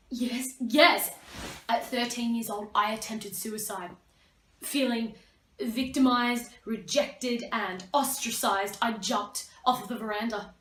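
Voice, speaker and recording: Joven australiana, confesional y teatral. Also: female voice, a little high. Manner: wry, confessional, swinging between loud and hushed. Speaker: performer. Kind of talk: theatrical monologue and scene. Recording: echoey room.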